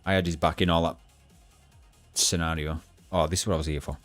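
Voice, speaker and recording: A young man with a very low voice chats bluntly to his live audience while he plays. He rambles and restarts his sentences, close and dry on the mic. Faint game music runs underneath. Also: fairly even intonation, fairly quick, a bit bright, dry recording. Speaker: gaming livestreamer. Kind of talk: rambling casual chat to a live chat.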